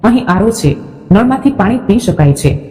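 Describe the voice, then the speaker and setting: A woman's voice: mid-range voice, expressive, moderate pace, mellow, natural voice. A woman reading the lines of a teasing young sister-in-law in a storybook tale, with a long reverb.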